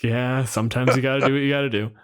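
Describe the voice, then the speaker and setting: Fast and smooth, with a mid-range voice and steady tone, a male podcast co-host chats about tabletop games without a script. He is casual, wry, and swears freely.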